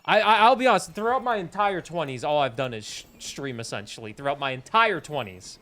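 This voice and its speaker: A New England man in his twenties talks fairly quickly in a higher-pitched voice. While playing a game on a live stream, he chats casually and animatedly, reading out and replying to messages from his viewers.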